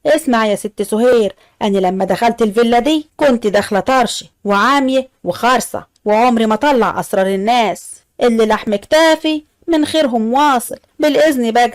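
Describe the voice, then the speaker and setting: A woman's voice: fairly high pitch, fairly quick, no echo, studio quality, close to an everyday voice. A woman voicing a discreet, deferential housemaid with an Upper Egyptian accent who speaks evasively. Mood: wary. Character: humble loyal maid, wary and discreet.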